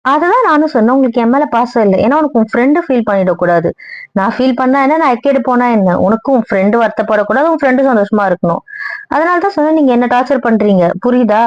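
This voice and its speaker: Woman voicing an indignant young wife, slightly high voice, scolding tone; lo-fi dry audio drama. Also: animated, quick pace, no room sound, lightly acted. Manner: scolding, argumentative. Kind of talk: amateur audio drama acting. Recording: dull lo-fi dry recording.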